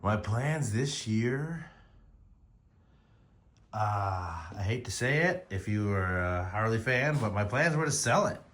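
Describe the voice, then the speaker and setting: An American man in his forties rambles casually to his phone as a motorcycle vlogger, slangy and conversational. His fairly low voice is a little bright, with lively intonation and an unhurried pace.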